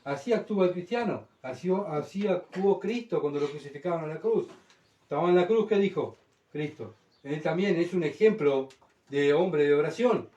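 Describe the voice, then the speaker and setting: A man's voice: a little high, animated, normal speed, warm tone, roomy sound, distant mic, highs cut off. A man preaching a conversational sermon, often asking the congregation questions.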